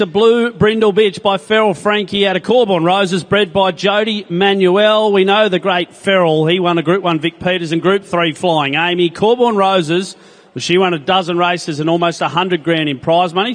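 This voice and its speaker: A man's voice: high-pitched, normal speed. A man working as an auction announcer, presenting each lot with its details. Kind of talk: announcing lots with pedigree details.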